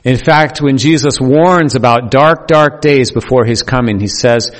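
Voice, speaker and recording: A man's voice: mid-range voice, a little slow. Preaching man in a reverberant hall. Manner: earnest preaching with playful asides. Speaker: pastor. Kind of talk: sermon.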